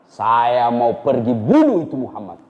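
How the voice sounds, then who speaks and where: A male preacher voicing a furious young man set on killing, shouting in agitation. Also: medium pitch, sing-song, a little slow, long reverb tail, phone-quality sound, pitched below the performer's own voice. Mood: enraged.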